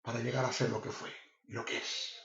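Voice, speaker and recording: A man's voice: mid-range voice, level tone, fairly quick, creaky, fairly bright tone. Emphatic male preacher in an echoey room. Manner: emphatic and repetitive. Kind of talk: sermon. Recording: roomy, slightly dull recording.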